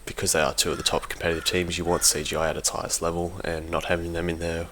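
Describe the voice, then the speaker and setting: His voice is low with little pitch movement, and he talks fast with a sharp tone. As a competitive gaming team member giving an audio log, he offers casual unscripted commentary, hesitant and informal, often correcting himself. A little hiss or hum is audible.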